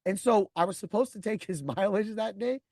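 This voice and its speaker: A man's voice: sits high, fairly quick, creaky, darkish tone, dry recording, clean studio sound. A man in his forties, a podcast host, telling a profane personal story and acting out the people in it. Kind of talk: storytelling monologue.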